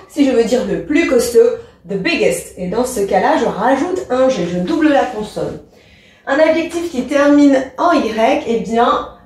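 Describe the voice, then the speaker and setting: A woman teacher with a French accent, explaining a grammar lesson in a clear, patient, step-by-step way. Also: on the high side, a little mellow. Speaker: English teacher. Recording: very echoey room, voice from a distance.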